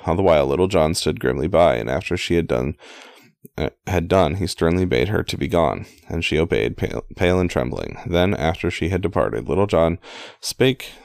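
A man reading an old story aloud in a casual, halting way, with restarts and offhand asides. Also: low-pitched, expressive, gravelly, no echo. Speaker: amateur reader.

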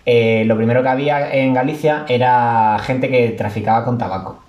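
A man's voice: medium pitch, steady tone, normal speed, dull audio. Rambling man in echoey room. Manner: rambling, filler-heavy storytelling. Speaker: podcast guest. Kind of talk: casual podcast chat.

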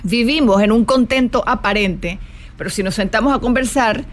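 A woman's voice: fairly high pitch, moderate pace. A middle-aged woman hosting a live stream, chatting casually, asking rhetorical questions, repeating words and reading viewers' comments aloud. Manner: animated, rhetorical questions and repetitions; greets viewers and reads their comments aloud. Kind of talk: casual live chat reflecting on happiness.

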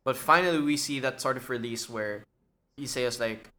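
Co-host, man in his twenties, bright tone, reflective chat that acts out quotes. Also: mid-range voice, moderate pace. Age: 20s. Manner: thoughtful, acts out quoted lines. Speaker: podcast co-host. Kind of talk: casual chat reviewing a drama.

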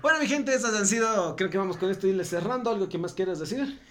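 A man's voice: high-pitched, expressive, fast, a little hiss or hum. A man with an Ecuadorian accent hosting a casual podcast, telling stories with slang and frequent laughter. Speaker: podcast host.

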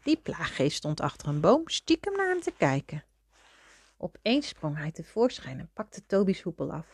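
A middle-aged woman reading a children's book aloud to her young son, with gentle, expressive storytelling. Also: on the low side, moderate pace, breathy edge, no echo, studio quality.

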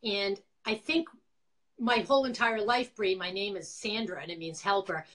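Joining an interview by video call from indoors, a talkative middle-aged former nonprofit founder from Quincy, Massachusetts, shares her own story in a casual Boston accent. She has a mid-range voice, a bit bright, at a moderate pace.

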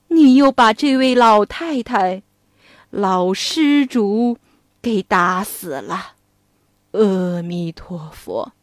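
A woman voicing a gentle, solemn older male monk who speaks slowly and softly. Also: mid-range voice, no echo, studio quality, voice pushed down. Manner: slow, soft and solemn.

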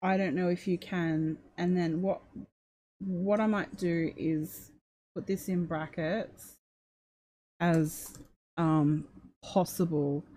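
A woman's voice: lowish voice, fairly even intonation, slow pace, long pauses, dark tone. A woman casually thinking aloud as she tries to make out the words of a recording, often hesitant and puzzling over phrases. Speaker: streamer transcribing a recording.

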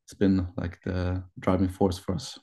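Man, podcast guest, low flat voice, hesitant, many fillers. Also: unhurried. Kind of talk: casual interview answers.

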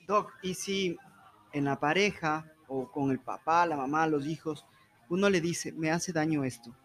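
A high-voiced man co-hosts a casual podcast chat. He talks in a joking, colloquial way and keeps putting questions to the guest. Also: unhurried, a bit bright.

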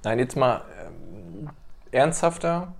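A man co-hosting a podcast, teasing his partner and quick to laugh and joke. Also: medium pitch, very animated, vocal fry, breathy edge. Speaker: podcast co-host. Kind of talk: casual podcast chat.

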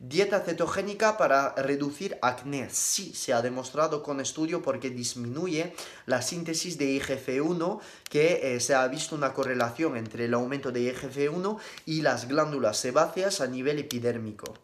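A young man, a nutrition coach answering viewer questions on a live stream in brisk, matter-of-fact replies with casual slang. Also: medium pitch, slight background noise.

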